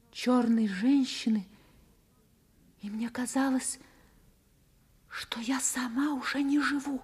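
A woman's voice: a little high, darkish tone, breathy edge. An actress playing an anguished, defiant woman telling her story in a theatrical old Soviet radio drama style of the 1960s. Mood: numb despair. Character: anguished, defiant woman recounting her forced marriage at fifteen. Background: music.

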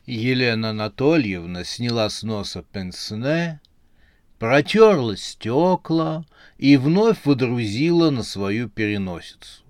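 A man reads a comic horror novel aloud in a lively storyteller manner. His pitch is ordinary for a man. The recording is dry and close. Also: takes it slowly, dry recording.

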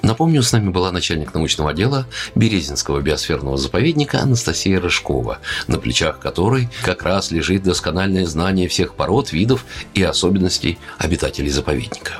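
A man's voice: low-pitched, big pitch swings, fast talker, hardly any pauses, faint music behind. A man hosting a nature radio programme, reading scripted narration in a presenter's style.

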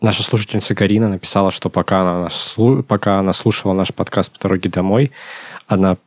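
A man in his thirties hosts a relaxed podcast, his voice husky and lower than most. He chats loosely, laughing and restarting his sentences, on a dry close microphone. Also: fast, no echo. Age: 30s. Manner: chatty, laughs often, trails off in restarts. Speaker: podcast host. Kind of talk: casual podcast chat.

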